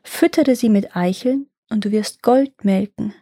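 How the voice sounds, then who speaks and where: A woman voicing the kindly, slow-spoken Sun. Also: mid-range voice, dark tone, no echo, clean studio sound. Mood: soothing. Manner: slow and soothing. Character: kindly, calm Sun spirit.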